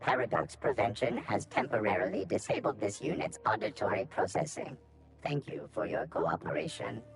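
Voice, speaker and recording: Glitching robot unit. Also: female voice, rumbling low, normal speed, soft background music, full character voice. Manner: flat announcement phrasing, repeated error calls. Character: glitching robot unit, female, stiff and malfunctioning. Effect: robot voice glitching erratically. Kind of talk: video game character dialogue.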